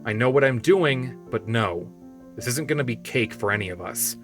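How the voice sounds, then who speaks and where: A man voicing a serious young male drake hunter in an audiobook, terse, low and guarded. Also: lively intonation, moderate pace, music in the background, natural voice. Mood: grim. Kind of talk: audiobook character voice.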